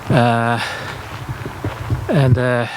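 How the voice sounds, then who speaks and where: Outdoors near the ocean, a man vlogs while testing camera gear, speaking unscripted in a hesitant, halting way into an on-camera shotgun microphone battered by strong wind. His voice is medium-pitched with fairly even intonation.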